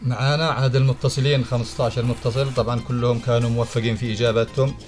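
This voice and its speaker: A man's voice: mid-range voice, level tone, rapid-fire, darkish tone, soft background music. A man speaking unscripted as a studio guest overseeing a draw. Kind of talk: live unscripted studio talk.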